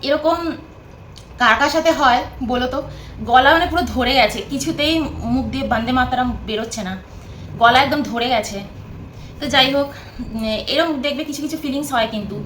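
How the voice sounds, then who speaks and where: A woman's voice: sits high, brisk, long pauses, a bit bright, reverberant, slight background noise. A woman vlogging at home from her bed, chatting casually to the camera, rambling and repeating herself.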